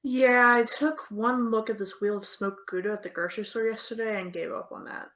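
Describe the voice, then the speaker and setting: This is audio drama dialogue in which a young woman voices Eve, a sardonic American in her young adult years. Her natural, somewhat high voice moves fairly quickly, and she sounds dry, deadpan and teasing, with an intimate air.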